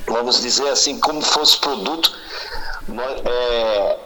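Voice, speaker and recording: A man on a phone call, his voice coming through a speakerphone. He sounds bright and forceful. He explains patiently and makes everyday comparisons, as a guest on a talk program. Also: medium pitch, takes it slowly, faint music behind. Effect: heard over a phone on speakerphone. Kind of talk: explaining by phone in casual conversation.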